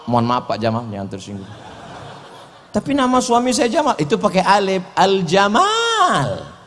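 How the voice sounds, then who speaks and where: A middle-aged Indonesian man preaching a humorous sermon, animated and joking, full of rhetorical questions. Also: high voice, fairly quick, slight background noise. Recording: long hall reverb.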